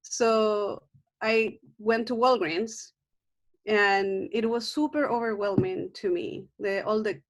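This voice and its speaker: Speaking slowly in a mid-range voice on a low-quality recording, a middle-aged woman from Chile talks as an herbalist guest in a casual video call interview. Her Chilean Spanish accent marks her as a native speaker, and she's warm and earnest, full of fillers and restarted sentences.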